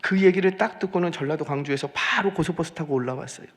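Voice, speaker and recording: A man preaching a sermon as senior pastor, animated and repeating phrases for emphasis, in a church sanctuary. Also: a little high, fast talker, big-room sound.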